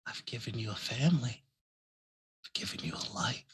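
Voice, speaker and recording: A man voicing a seductive, maternal vampire goddess who speaks slowly and solemnly in a hushed, possessive way. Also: mid-range voice, animated. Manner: slow, hushed, solemn, breathy delivery.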